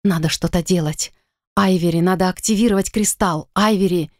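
A woman's voice: fairly low pitch, moderate pace, no echo, studio quality, close to an everyday voice. A woman reading the part of a young novice girl, nervous and trying to sound brave, urgent and shaky.

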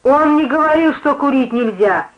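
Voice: sits high, animated, normal speed, voice pushed up. A reader doing a mocking drunkard. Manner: mocking, argumentative. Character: tipsy male drunkard heckler, mocking. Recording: muffled lo-fi recording.

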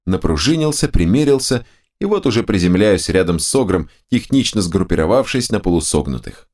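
Brief: expressive male storyteller, rather low and animated. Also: a little fast. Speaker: audiobook narrator. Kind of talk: first-person fantasy narration.

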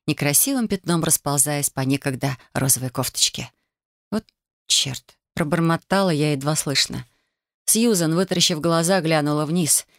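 A woman with a fairly low voice reads a first-person story aloud in a lively, wry way. The recording is dry and close, with no room sound. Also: no room sound. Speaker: audiobook narrator. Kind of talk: first-person audiobook narration.

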